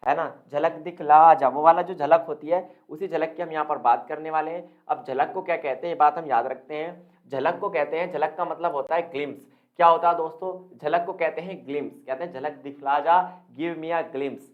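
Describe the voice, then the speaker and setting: A man's voice: on the high side, brisk. A man giving an online vocabulary lesson, repeatedly quizzing the viewer with questions. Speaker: spoken English teacher. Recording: tinny phone-like audio.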